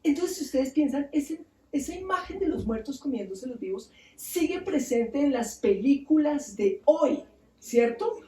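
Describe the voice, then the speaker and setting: Animated woman telling myths. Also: sits high, a little slow. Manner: animated, acts out voices, asks the audience. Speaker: author giving a book talk. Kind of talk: lively mythology storytelling talk. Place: bookstore event space. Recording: roomy, distant mic.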